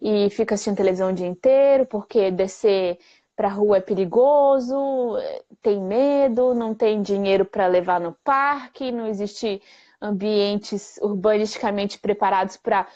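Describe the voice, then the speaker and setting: A woman, a speech therapist answering viewer questions in a lively, plain-spoken way full of rhetorical questions. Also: mid-range voice, normal speed. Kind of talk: live Q&A explainer. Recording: dull lo-fi livestream audio.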